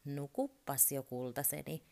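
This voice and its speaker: A woman voicing a tired, patient father who speaks slowly and gently to his child in a storybook reading. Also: very deep voice, very animated, creaky, heavily acted. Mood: weary. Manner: slow, weary and gentle.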